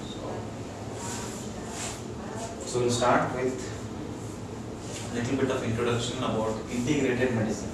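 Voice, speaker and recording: An Indian-accented doctor delivers an informal wellness lecture in an echoey room to a small audience, his medium-pitched voice showing little movement. He speaks haltingly, explaining and checking comprehension as he goes, while the distant mic picks up strong echo and loud noise.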